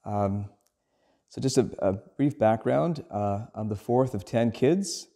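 Earnest priest with a warm, low voice. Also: male voice. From Sri Lanka. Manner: measured, earnest, with frequent ums and uhs. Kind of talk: homily.

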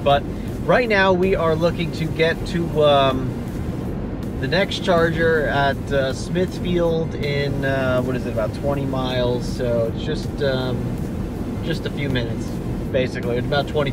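Heavy background noise surrounds a male vlogger as he narrates a road trip from his car on the highway. His mid-range voice stays chatty and upbeat, and he thinks aloud with lots of fillers.

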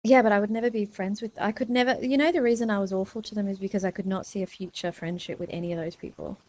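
An older adult woman with a mid-pitched voice talks in an articulate way, calmly challenging and pushing back on points in casual argumentative chat. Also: quick pace.

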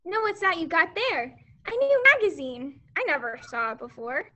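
Teenage girl as Mary, high-voiced sweet little girl. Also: very animated, moderate pace, pushed and bright, heavily acted. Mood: sweet, curious. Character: sweet, stubborn, smitten young girl. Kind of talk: staged radio play.

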